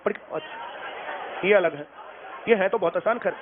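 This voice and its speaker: A man teaches a maths class and keeps checking whether the students have understood. His voice sits high. The sound is thin and phone-like, with classroom chatter and noise behind it. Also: a little slow. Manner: drilling, asks students if they understood again and again. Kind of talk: classroom lecture.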